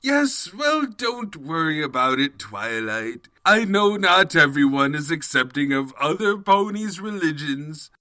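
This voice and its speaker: A man's voice: a little high, very animated, unhurried, hardly any pauses, bright, forceful tone, dry recording, full character voice. A man playing an evil, scheming, cowardly pony king in a comedic audio drama, pompous and melodramatic. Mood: evasive excuses. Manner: pompous, melodramatic, slipping into evasive excuses. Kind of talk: comedic fan fiction audio drama acting.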